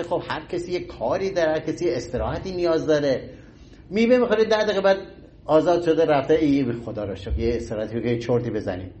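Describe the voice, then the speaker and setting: Animated man giving a folksy health talk. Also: a little high, highs cut off, a little hiss or hum. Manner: animated, folksy, acts out little scenes. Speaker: health lecturer.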